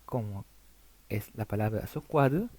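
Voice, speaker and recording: A man's voice: lowish voice, animated, warm tone, no room sound. Italian-native man teaching pronunciation. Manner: slow, careful spelling out of letters and examples. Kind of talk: slide-based alphabet lesson.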